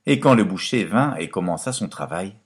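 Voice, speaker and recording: A man reads a fairy tale aloud with a low, deep voice. His delivery is dramatic and sweeping, rising and falling widely as he tells the story. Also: normal speed. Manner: expressive storytelling, lively and dramatic. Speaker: narrator. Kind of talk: scripted fairy-tale narration.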